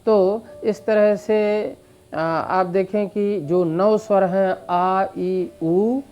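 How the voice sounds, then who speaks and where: A man teaching Sanskrit grammar in a slow explanatory lecture, drawing out vowel sounds to demonstrate them, with frequent fillers. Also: high-pitched, fairly even intonation, mellow, smooth, highs cut off. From India.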